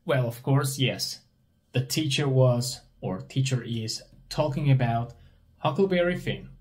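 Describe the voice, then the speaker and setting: A man teaches at a very unhurried pace. His voice is husky and mid-pitched. He asks a question, pauses, and then answers it himself in simple words. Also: animated, a little mellow. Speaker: English teacher. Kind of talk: slow question-and-answer language lesson.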